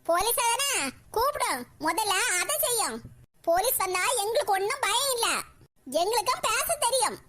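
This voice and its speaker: A woman voicing a bold, loud-mouthed village sister-in-law in a cartoon, scolding with a Kanyakumari Tamil accent. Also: very high voice, expressive, moderate pace, slight background noise. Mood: defiant. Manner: scolding, defiant, sharp retorts. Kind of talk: cartoon voice acting.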